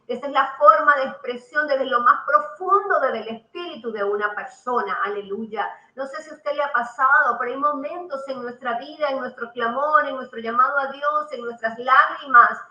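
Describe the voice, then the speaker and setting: A woman preaches a televised sermon in a bright, fairly high voice, repeating her phrases and throwing in hallelujah as she builds emphasis. The sound is echoey and slightly muffled. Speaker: prophet and TV program host.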